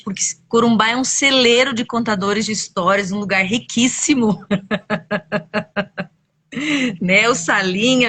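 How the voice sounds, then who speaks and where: A woman's voice: medium pitch, bright, forceful tone. A woman, a storyteller and psychologist, narrating expressively over a video call webcam.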